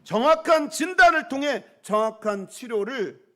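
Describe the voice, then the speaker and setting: A man's voice: very high voice, expressive, moderate pace. A male pastor preaching a sermon, calling out questions to the congregation and pressing his points with emphasis.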